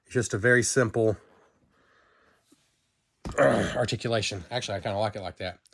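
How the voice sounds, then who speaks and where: A man from the American South, Southern accent and all, chats to himself as he handles a vinyl toy, giving a rambling, casual review with lots of fillers and self-corrections. His fairly low voice has vocal fry, a slightly bright quality, and a breathy edge, at normal speed.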